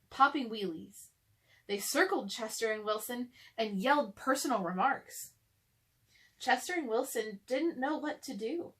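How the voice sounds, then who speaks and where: A woman with a fairly high voice narrates a children's storybook, reading it aloud for young listeners.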